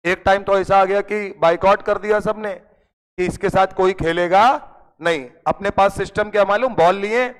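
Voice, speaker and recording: A high-voiced male chemistry teacher spins an animated anecdote for his students. He slips into the voices of friends and his mother as he tells it. His voice rings through a reverberant classroom with a long echo tail. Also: normal speed, clean tone. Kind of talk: classroom storytelling. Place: coaching classroom.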